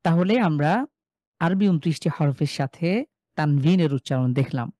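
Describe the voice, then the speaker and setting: In a live online class recorded dry, a man teaches the rules of Quran recitation, patiently repeating syllable drills, calling on students by name and reading their chat replies. His voice is a little high and dark in tone, animated, at normal speed.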